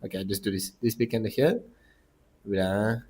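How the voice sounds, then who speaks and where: A man's voice: lowish voice, brisk, darkish tone, slight background noise. A man hosting a casual livestream about trading, talking in a loose, chatty way with "lah" and "ah" particles and sounding a bit out of breath. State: slightly out of breath.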